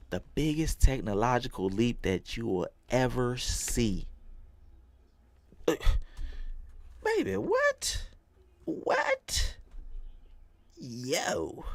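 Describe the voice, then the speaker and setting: A man hosting a casual podcast, swinging between loud exclaims and low mutters. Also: vocal fry, no echo. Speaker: podcast host.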